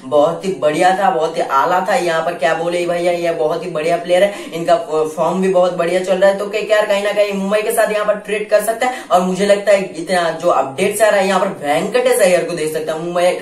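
A young man running a casual cricket update vlog, talking straight to camera in an excitable way with folded hands, recorded indoors by a camera at medium distance. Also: sits high, quick pace, few pauses. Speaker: cricket YouTuber. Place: indoor room with a plain backdrop. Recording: echoey room, voice off-mic.

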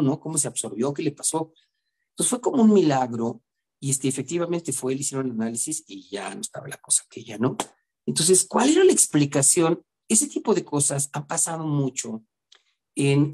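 A middle-aged man, a therapist earnestly telling a story from his practice and often pausing to seek agreement. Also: medium pitch, dark tone. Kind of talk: storytelling talk.

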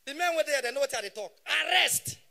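A man in his thirties doing stand-up comedy with a Nigerian Pidgin English accent, animated and shouting his punchlines. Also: very high voice, rapid-fire. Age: 30s.

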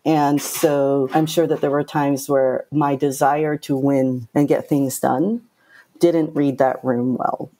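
This middle-aged Japanese woman, a game producer appearing as an interview guest, has a low, dark, mellow voice and speaks at a slow pace. In casual interview talk she is blunt, direct, and outspoken, telling her stories with animation.

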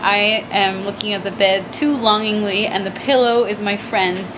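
A woman's voice: medium pitch, steady tone, moderate pace. Chatty woman vlogging in a noisy room. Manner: chatty, talks straight to viewers. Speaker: vlog host. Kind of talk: casual chat to camera. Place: apartment. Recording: noisy home recording.

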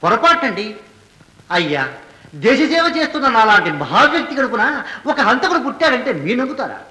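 A man's voice: very high voice, big pitch swings, fairly quick, bright, forceful tone, full character voice. A man playing a pompous, self-righteous politician testifying in court in an old film. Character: pompous self-important male politician witness. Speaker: witness in court. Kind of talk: 1970s Telugu film acting. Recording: echoey old film soundtrack.

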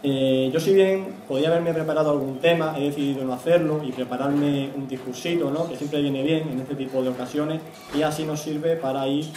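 Speaking rather quickly with almost no pauses, this guest speaker, a YouTube analyst from Spain in his thirties, delivers a semi-prepared public talk in a chatty style, frequently adding "¿no?" to his phrases. His slightly high voice keeps fairly level intonation and has a darkish tone. He holds a handheld mic in a small, echoey meeting room, recorded from a distance with faint noise.

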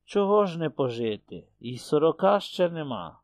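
A man's voice: fairly high pitch, very animated, moderate pace, dry recording. A man voicing a stern young husband who speaks curt and cold.

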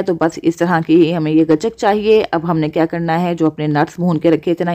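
This cooking-channel host is a woman whose voice is dark in tone and fairly low in pitch. Her voice-over instruction explains every recipe step to the audience.

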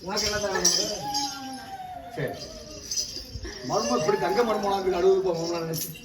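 A man's voice: high voice, fairly even intonation, moderate pace. A man leading a ritual oracle session, coaxing and questioning people in a familiar way. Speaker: temple oracle medium. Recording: echoey, distant mic, loud background noise.

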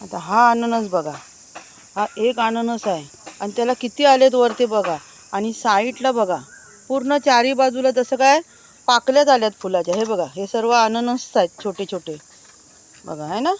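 Her voice sits on the high side and moves at a normal speed. She's an adult married woman out among the village gardens, phone in hand, giving viewers a relaxed walking tour and pointing out what she sees.

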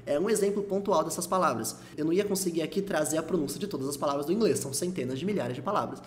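A man from Brazil giving a casual video lesson on English pronunciation, lively and repeating example words slowly to demonstrate. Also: fairly high pitch, slight background noise. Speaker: English teacher.

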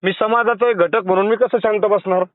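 High fast-talking young man on a phone line. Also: fairly even intonation, no room sound. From Maharashtra, India. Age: young adult. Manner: insistent, argumentative, repeats himself. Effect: heard over a phone line. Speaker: kirtan preacher. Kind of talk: heated phone argument. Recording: tinny dry phone call recording.

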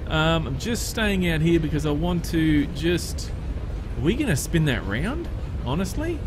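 A man's voice: fairly high pitch, sing-song, a little slow, background noise. A man with an Australian accent, hosting a gaming channel and chatting loosely while he plays, thinking aloud as he drives. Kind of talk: casual let's-play commentary.

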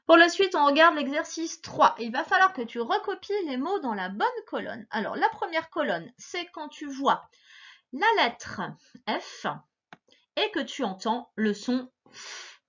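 A woman's voice: high voice, sing-song, measured pace, bright, forceful tone, muffled recording. A woman teacher giving a recorded phonics lesson to a child, patient and encouraging, stressing each sound.

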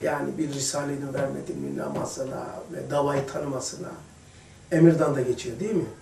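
A man giving an informal religious lesson to a small group, chatty and addressing listeners by name, moving between hushed asides and emphatic passages. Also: medium pitch, level tone, a little fast, gravelly, a little hiss or hum. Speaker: religious teacher. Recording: echoey room, distant mic.

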